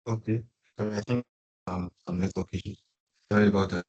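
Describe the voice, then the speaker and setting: A man's voice: lowish voice, steady tone, a little fast, darkish tone, breathy edge, muffled recording. A man moderating a webinar over a video call, hesitant and apologetic, his weak connection breaking up. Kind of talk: online meeting moderation. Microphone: remote video call.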